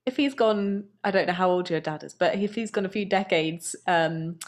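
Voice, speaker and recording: A woman with a fairly low voice speaks as a guest on a podcast. She talks in a thoughtful, earnest way, with fillers and restarts. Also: normal speed. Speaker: guest, app founder. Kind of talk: casual conversational interview.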